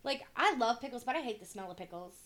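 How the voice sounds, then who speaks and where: A woman's voice: a little high, expressive, quick pace, a bit bright. A woman co-hosting a podcast in casual, sweary banter. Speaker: podcast co-host.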